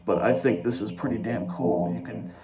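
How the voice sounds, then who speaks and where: With a crowd audible behind him, a man with a lowish voice at normal speed gives an informal, laid-back synth and software demo, thinking aloud as a music gear tutorial presenter. He's indoors by a synthesizer keyboard, recorded on a handheld phone and separate handheld microphone.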